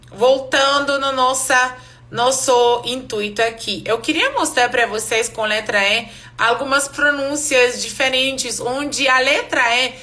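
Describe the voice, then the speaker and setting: A woman runs a live online class on English pronunciation, going slowly and saying each word again for her students. Her voice is high, pushed and bright.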